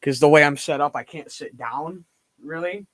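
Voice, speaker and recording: A man's voice: fairly high pitch, normal speed, no room sound. Rambling young man streaming from home. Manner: rambling, reacts loudly to plays; moves around, so his voice drifts nearer and farther from the mic. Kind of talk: casual live-stream chat. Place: home room, standing.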